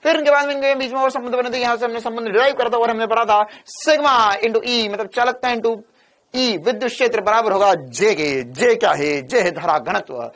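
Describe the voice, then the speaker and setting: Playful, energetic male physics teacher. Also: very high voice, brisk. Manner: energetic, playful, teases and answers his own questions. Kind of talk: online exam-prep lecture.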